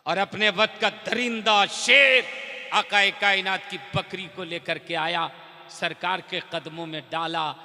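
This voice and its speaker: High gravelly preacher in a hall. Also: male voice, steady tone, takes it slowly. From Bihar, India. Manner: dramatic storyteller who swings from low narration to loud exclamations. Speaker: Islamic preacher. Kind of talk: religious sermon with storytelling. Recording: long reverb in a large hall.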